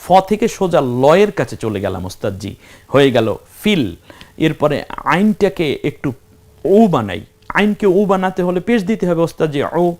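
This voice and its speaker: A man's voice: a little high, big pitch swings, a little slow, a little mellow. A man teaching Quran reading, asking questions and answering them himself while spelling out letters one at a time. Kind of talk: step-by-step recitation lesson.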